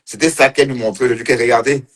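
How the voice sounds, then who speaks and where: A man's voice: medium pitch, steady tone, rapid-fire. A man giving casual livestream commentary, teasing and mocking as he talks, laughing often and repeating phrases. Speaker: online commentator.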